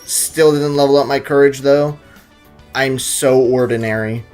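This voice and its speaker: A young gaming YouTuber's mid-range voice comes through a little slow as he delivers casual let's-play commentary. He's excitable, rambling, and full of loose jokes, with game music faintly underneath.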